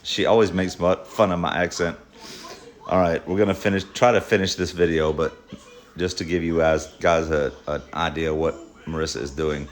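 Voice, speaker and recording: A man's voice: low voice, steady tone, normal speed. Man, middle-aged, casual home vlog, rambling, joking, repetitive. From United States. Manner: rambling, joking, repeats himself. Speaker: vlogger.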